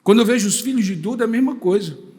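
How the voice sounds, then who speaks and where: An older male pastor delivers an emphatic sermon, stacking rhetorical questions and repeated lines. His voice sits notably high. A long reverb from the church sanctuary trails every phrase. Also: expressive, very fast, darkish tone.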